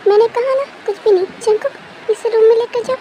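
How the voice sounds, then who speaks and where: A woman's voice: very high voice, fairly even intonation, fast, warm tone, a little hiss or hum, voice pushed up, low-quality recording. A woman playing a caring, firm motherly aunty. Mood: soothing. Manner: soothing, coaxing, firm.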